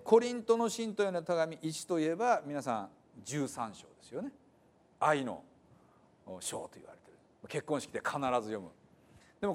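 A man preaching a sermon as pastor, explaining scripture with many pauses and fillers and then stressing key points with emphasis. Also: sits high. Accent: Hiroshima dialect in the reading. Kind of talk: sermon with scripture reading in dialect.

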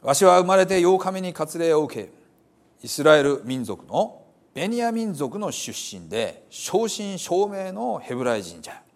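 Fervent zealous apostle, man reading, Hiroshima dialect, emphatic, lively swings in pitch. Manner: earnest and emphatic, reading scripture aloud. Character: the apostle Paul, zealous male preacher, fervent.

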